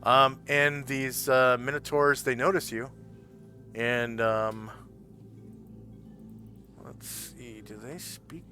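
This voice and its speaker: A man improvising narration as a tabletop game master, explaining things haltingly as he thinks aloud. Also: mid-range voice, fairly even intonation, pushed and bright, soft background music.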